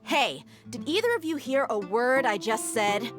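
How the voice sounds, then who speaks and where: A woman's voice: on the high side, lively intonation, a little slow, over music. Brash, sardonic young mercenary woman. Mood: sardonic, scolding. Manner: sardonic, scolding, blunt. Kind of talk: video game character acting.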